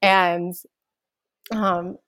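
A young adult woman answering an interview question, speaking earnestly in long, flowing thoughts that grow lively when she recalls childhood. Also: on the low side, very slow, no room sound, clean studio sound. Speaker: guest, organizer.

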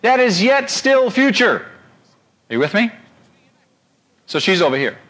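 A male pastor delivering a sermon, animated and constantly asking his audience questions. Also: sits high, measured pace.

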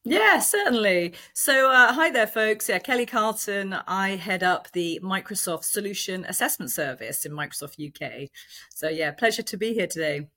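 A woman's voice: medium pitch, lively intonation, normal speed, sharp tone. A woman explaining her business work conversationally as an interview guest. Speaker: podcast guest, department head at a tech company.

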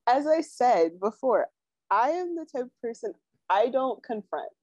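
A woman's voice: a little high, a little slow, dry recording. A young woman hosting a casual chat podcast, telling a story and acting out what people said. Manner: animated storyteller, acts out quotes. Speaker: podcast co-host. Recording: dull lo-fi sound.

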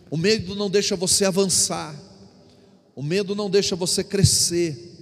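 A man preaching a Sunday sermon with a Brazilian accent, telling stories animatedly and acting out quotes with humor. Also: high voice. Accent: Brazilian Portuguese. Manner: animated storytelling preacher, acts out quotes with jokes. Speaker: apostle preaching. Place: church. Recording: long church-hall reverb with faint music.

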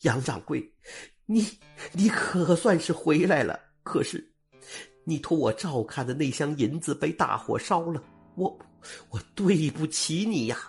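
Man doing a gentle young scholar, tearful, pleading, raised pitch, storybook. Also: animated, a little slow, vocal fry, soft background music. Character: kind honest young male scholar.

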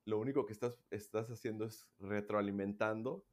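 Speaking at a moderate pace with fairly even intonation, a child welfare worker chats casually, demonstrating both loud and hushed examples as he explains. His voice sits on the low side.

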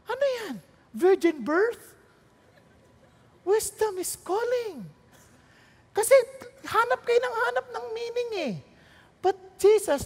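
Very high-voiced woman preaching. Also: a little mellow, in a large hall. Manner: rhetorical questions, joking, switching between Tagalog and English. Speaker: pastor. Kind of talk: sermon.

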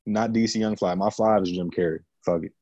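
A man's voice: fairly low pitch, fairly even intonation, fairly quick, dark tone, no room sound, muffled recording. A man hosting a casual podcast chat, slangy and often putting questions to his friends. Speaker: podcast host.

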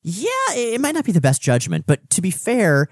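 A man co-hosting a comics podcast tells the story with playful enthusiasm. His pitch swings up and down a lot as he narrates. The sound is close and dry. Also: big pitch swings, a little fast, no echo. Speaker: podcast co-host. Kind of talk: casual chat recapping comics.

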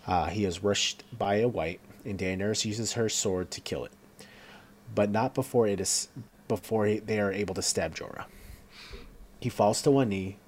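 Man, low voice, casual episode recap, halting with fillers. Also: slight background noise. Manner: reads along with fillers and self-corrections.

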